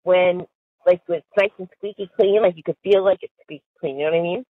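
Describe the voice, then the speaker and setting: A woman's voice: fairly low pitch, fairly even intonation, fast, breathy edge, dry recording. A woman chatting on a recorded prison phone call, giggly and full of fillers like "like". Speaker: caller to an inmate. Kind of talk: casual phone chat. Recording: tinny, dry phone line.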